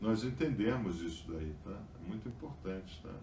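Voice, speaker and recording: A man's voice: fairly low pitch, lively intonation, moderate pace, dark tone, echoey room, distant mic, slight background noise. A man giving a Bible study lecture, tagging his sentences with "tá?" and "né?" and reading passages aloud with emphasis. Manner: frequent "tá?" and "né?" tags, reads passages aloud with emphasis. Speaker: religious teacher.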